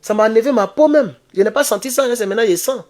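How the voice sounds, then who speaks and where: A man's voice: very high voice, rapid-fire, darkish tone. A man, talking casually to his viewers in a live political vlog, repeating himself and urging them on. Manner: exhorting, repetitive, addresses viewers as comrades. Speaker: political video blogger.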